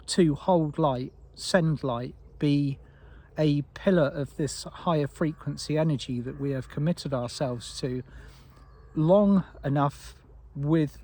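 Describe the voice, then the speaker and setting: A man giving an unscripted spiritual talk as a teacher, soft and meandering with frequent restarts. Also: fairly high pitch.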